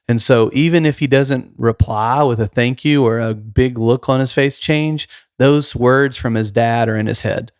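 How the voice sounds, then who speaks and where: A man in his thirties hosting a casual podcast, sincere and direct, sharing plain sayings from his own life. His pitch is ordinary, in the middle range. The recording is dry and close, with no echo. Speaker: podcast host.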